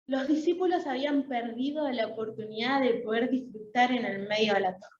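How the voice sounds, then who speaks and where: A woman's voice: on the high side, brisk. A woman preaching an Easter week sermon in a church, talking in a conversational way and often checking in with her listeners. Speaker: lay preacher. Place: church sanctuary. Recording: echoey, dull church sound.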